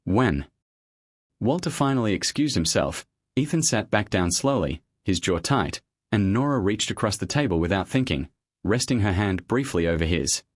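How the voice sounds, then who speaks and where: Guy reading a story out loud, lowish voice, steady and even, dry close sound. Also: normal speed, dry recording. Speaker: narrator. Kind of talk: scripted story narration.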